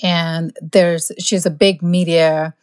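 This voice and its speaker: Woman doctor, kinda low voice, fired-up storytelling, casual chat. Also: level tone, slow. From born in India, raised in the US. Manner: emphatic, indignant storytelling. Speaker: physician guest. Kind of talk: casual conversation, telling anecdotes.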